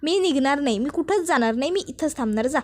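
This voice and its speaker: Brief: stubborn young hero, a woman storyteller doing him, insistent, plain high voice. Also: animated, quick pace, a little mellow. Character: stubborn young man, proud, defending his mother.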